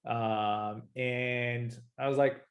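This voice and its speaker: A man in his forties with an Israeli accent, a startup founder talking casually in an interview, relaxed and hesitant. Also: mid-range voice, very slow. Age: 40s. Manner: hesitant, many fillers and restarts, relaxed.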